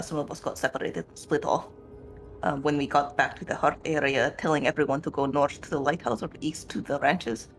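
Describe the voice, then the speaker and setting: A player improvising tabletop role-play narration in a halting, rambling, self-correcting way. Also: medium pitch, a little hiss or hum.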